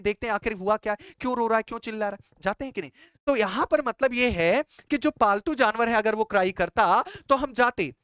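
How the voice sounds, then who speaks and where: A young man teaching English idioms in a lively classroom style, repeating each question to his students and answering it himself. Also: extremely high pitch, smooth, no echo, studio quality. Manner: chatty, calls listeners brother and child.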